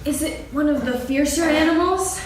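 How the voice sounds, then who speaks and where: A woman's voice: high-pitched, normal speed, lightly acted. A woman playing a small, timid, kindly piglet with a childlike, polite manner in a staged children's story. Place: on stage, seated reading. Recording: echoey hall, far mic, faint noise.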